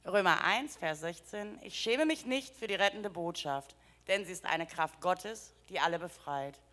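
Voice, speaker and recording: A woman's voice: on the low side, lively intonation, normal speed, a bit bright. A woman interpreting a sermon live, giving each phrase right after the preacher speaks.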